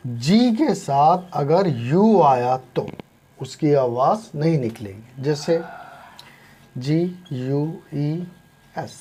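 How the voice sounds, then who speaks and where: A man's voice: a little high, dark tone, slightly rough. A man teaching an English lesson in Hindi, spelling words out letter by letter and often calling his listeners friends. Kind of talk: spoken language lesson.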